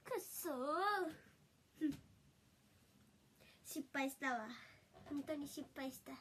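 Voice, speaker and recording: A woman's voice: high voice, steady tone, measured pace, a bit bright, slight background noise. A young woman with a nasal, stuffy voice from a summer cold, chatting playfully and laughing often on a livestream. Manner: giggly and playful, frequent laughter. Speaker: idol livestreamer. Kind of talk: casual livestream chat reading comments.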